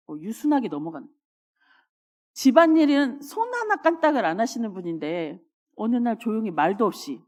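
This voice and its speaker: A woman pastor preaching a sermon, telling personal stories with animated delivery and acting out scenes. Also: fairly high pitch. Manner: animated storytelling, acts out scenes. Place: church sanctuary. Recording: long church reverb.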